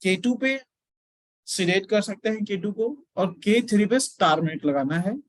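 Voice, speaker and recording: High-voiced man teaching acupressure. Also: a little slow, no room sound. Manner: explains step by step, checks in with "है ना?". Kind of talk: Hindi-English lecture class.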